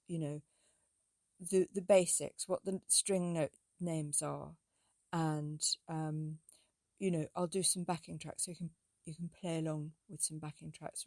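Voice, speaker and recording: A middle-aged woman who teaches music hosts a casual solo podcast, wandering through her thoughts with fillers and restarts. Her lowish, mellow voice is tiring and she is losing it, captured in a dry, studio-quality recording.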